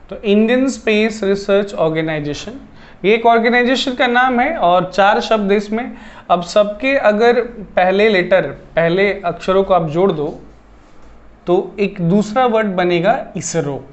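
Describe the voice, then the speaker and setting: A man with an Indian accent teaching English vocabulary, repeating himself often and calling his listeners "everyone". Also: high voice. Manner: repetitive, addresses listeners as "everyone", mixes Hindi and English. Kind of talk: classroom-style lesson explaining word roots. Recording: slightly dull, lo-fi audio.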